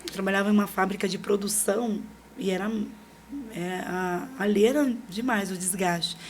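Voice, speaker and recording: A woman's voice: mid-range voice, normal speed, a little hiss or hum. Brazilian woman telling a vivid personal story. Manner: lively, re-enacts dialogue, laughs often. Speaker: podcast guest. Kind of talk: personal storytelling in a casual interview.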